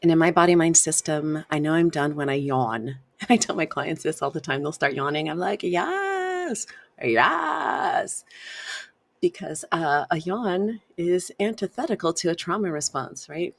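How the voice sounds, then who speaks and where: A woman hosting a wellness podcast, gently guiding listeners through emotional release steps, laughing and sighing often. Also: sits low, moderate pace, few pauses, no echo. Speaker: podcast host and wellness coach. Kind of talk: solo podcast teaching.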